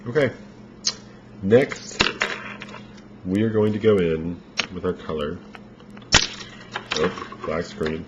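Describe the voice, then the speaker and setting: A man gives a casual makeup tutorial, walking through each step in a relaxed, rambling way full of fillers. His low voice sounds a little worn, as if he's losing it, and he speaks slowly with frequent pauses. It's a dull lo-fi home recording with faint noise.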